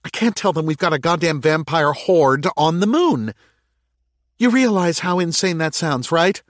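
A woman's voice: low voice, expressive, unhurried, dry recording, pitched above the performer's own voice. A man voicing a harried, stubborn woman mayor who speaks in insistent, clipped bursts, in a dry recording. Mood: exasperated.

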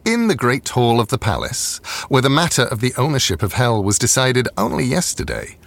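A man's voice: medium pitch, sing-song, fairly quick, vocal fry, a bit bright. A man narrating an audio drama in a scripted, literary storytelling style. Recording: music behind the voice.

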